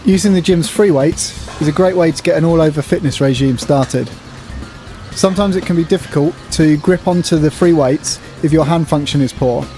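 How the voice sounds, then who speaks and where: A middle-aged presenter narrates an instructional gym exercise video, explaining the moves in a plain, practical way. His voice is on the high side with a dark tone and a moderate pace. Music plays in the background.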